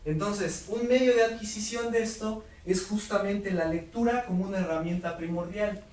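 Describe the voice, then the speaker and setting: A man giving a lively workshop lecture to teachers, putting questions to the audience. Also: high-pitched, moderate pace. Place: lecture hall. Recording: roomy hall audio from far off, faint noise.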